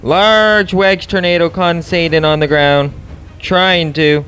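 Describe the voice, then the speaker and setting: In an unhurried, smooth voice that's a little high and a bit bright, a storm chaser keeps up casual vlog commentary, talking directly to his audience and repeating short phrases. His intonation stays fairly even, and faint music sits in the background.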